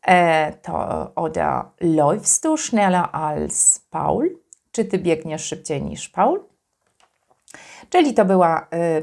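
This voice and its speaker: Female teacher, native Polish speaker, low-ish voice, deliberate slow grammar lesson delivery. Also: darkish tone. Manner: slow, careful, patient explanation with frequent fillers. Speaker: German language teacher.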